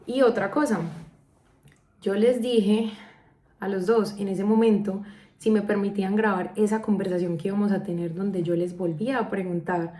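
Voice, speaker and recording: Animated Colombian woman telling a story. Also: medium pitch, moderate pace, reverberant. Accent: Colombian Spanish. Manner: animated, acts out quoted dialogue. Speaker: vlogger telling a personal story. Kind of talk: casual storytelling.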